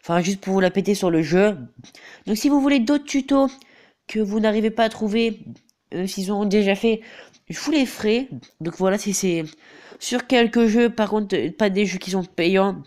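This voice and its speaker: In a high-pitched, darkish voice at a moderate pace, a teenage boy nursing a head cold talks through a game tutorial over the screen. As a gaming YouTuber he's hesitant and filler-prone, repeatedly saying "donc voilà."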